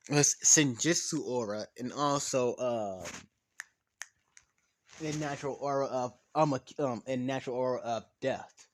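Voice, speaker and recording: A man telling a fan story in casual talk, rambling with many restarts and fillers. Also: medium pitch.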